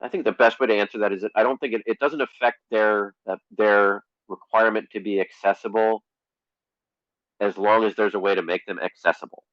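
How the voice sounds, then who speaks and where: Low-voiced man with a dull, dry sound. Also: brisk, no echo. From Connecticut, USA. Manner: dry, deadpan humor. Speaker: guest. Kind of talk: conversational interview.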